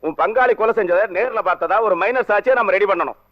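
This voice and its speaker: An actor plays a scheming courtroom lawyer, curt and quick, with a high, lively voice. The film soundtrack is slightly muffled, with soft music behind. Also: male voice, lightly acted. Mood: brisk. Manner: brisk, curt. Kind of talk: film drama dialogue.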